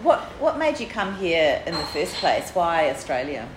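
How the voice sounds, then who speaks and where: Casting: female interviewer, broad New Zealand accent, low register, conversational, roomy recording. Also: big pitch swings, moderate pace. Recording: echoey room with background noise.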